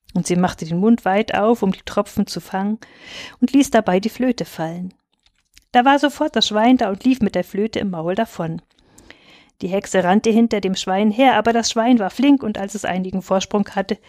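A woman reading a fairy tale aloud in a clear, steady narrating manner. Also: medium pitch, dry recording, studio quality. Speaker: reader. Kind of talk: storybook reading.

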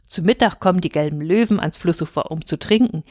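A woman reading a fairy tale aloud in a calm, measured way. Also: fairly low pitch, no echo, clean studio sound. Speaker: storyteller. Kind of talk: storybook reading.

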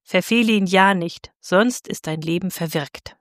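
A woman's voice: mid-range voice, moderate pace, no room sound, close to an everyday voice. Harsh sneering tyrant bailiff, as a lady reading a storybook puts him on, dry close sound. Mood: mocking. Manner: harsh, mocking. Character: cruel scheming male tyrant bailiff.

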